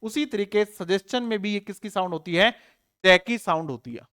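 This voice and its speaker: A man's voice: high voice, moderate pace, fairly bright tone, clean tone. A male teacher giving an online exam-prep grammar lesson. He asks students questions and answers them himself, repeats key words, spells them out letter by letter and urges the class on in a friendly, informal way.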